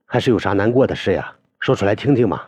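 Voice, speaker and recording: A man's voice: fairly low pitch, animated, fast, darkish tone, husky, no echo, voice pushed up. A man reading a novel aloud, voicing a caring older-brother figure who speaks in a soothing, coaxing way. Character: caring older-brother type, gentle and reassuring.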